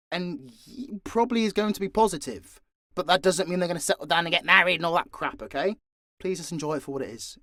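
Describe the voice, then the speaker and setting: Fielding questions from listeners without a script, an audio drama creator responds bluntly and with lots of swearing, sounding theatrically exasperated. His voice is a man's, fairly high in pitch and a bit bright, with no echo.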